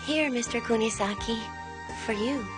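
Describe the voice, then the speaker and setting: A woman voicing a calm, politely formal teenage schoolgirl in an anime dub, who speaks in a quiet, gentle way. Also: on the high side, normal speed, close to an everyday voice. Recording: music playing behind the voice. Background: music.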